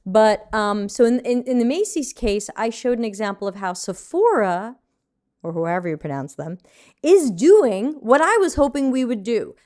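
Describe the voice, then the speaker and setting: A woman's voice: a little high, a little mellow. An American woman teaching a live online design lesson in a chatty, conversational way, answering viewer questions as she goes. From United States.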